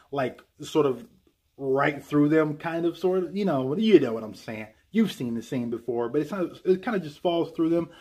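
A man casually recapping a film scene, excited and animated, full of fillers and restarts. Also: fairly high pitch. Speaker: film commentator.

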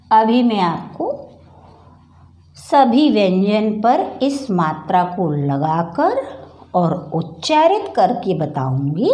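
Female teacher for a kids' lesson, very slow delivery, mellow tone, sounds out letters patiently. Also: medium pitch, roomy sound. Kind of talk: children's Hindi lesson.

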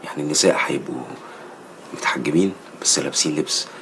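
A man's voice: extremely low pitch, quick pace, creaky, background noise. An actor with an Egyptian accent playing a pious man who lectures his sister on religious rules. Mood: preachy. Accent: Egyptian Arabic. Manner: preachy, lecturing. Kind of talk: Egyptian TV drama acting.

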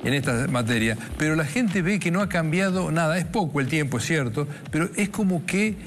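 A man's voice: fairly high pitch, animated, brisk, soft background music. An older man with an Argentine Córdoba accent, commenting conversationally as a news anchor. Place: TV studio.

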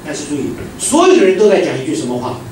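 Animated male pastor preaching in echoing hall. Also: fairly high pitch, racing. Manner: animated preaching, swings from loud exclamations to hushed quiet lines. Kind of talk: sermon. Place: church hall. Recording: echoey hall, distant mic, noisy.

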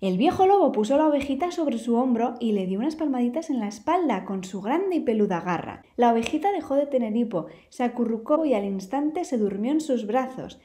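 High, mellow Spanish storyteller woman. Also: a little fast, few pauses. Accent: Spain Spanish. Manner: expressive, lively storytelling. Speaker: children's storyteller. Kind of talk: storybook reading for children.

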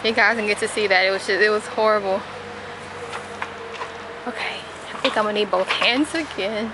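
A woman's voice: mid-range voice, normal speed. A young woman talking casually to her camera as a travel vlogger, chatty and full of "like" and "um". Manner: chatty, lots of "like" and "um". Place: outdoors in gardens and in a car. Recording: camera audio with clear outdoor noise.

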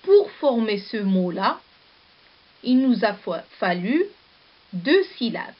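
Very slow-spoken woman teacher. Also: medium pitch, very animated. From Morocco. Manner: deliberate, spells out letters and syllables one by one. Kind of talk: slow classroom lesson. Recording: dull lo-fi video recording.

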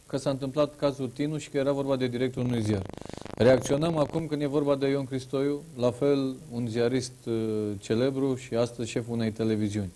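A man's voice: medium pitch, background noise. A man hosting a talk show, asking probing questions with hesitant fillers.

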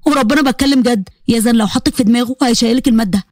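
A woman's voice: a little high, rapid-fire, darkish tone, dry recording, clean studio sound, natural voice. A woman voicing a joking young man who teases his cousin, with an Egyptian Arabic accent. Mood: teasing. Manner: teasing, offhand.

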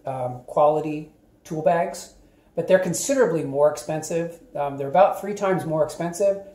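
A man's voice: fairly high pitch, normal speed, mellow, reverberant. A man casually reviewing a tool bag for his channel, chatty and rambling with lots of fillers, recorded at a table indoors. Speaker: YouTube DIY reviewer.

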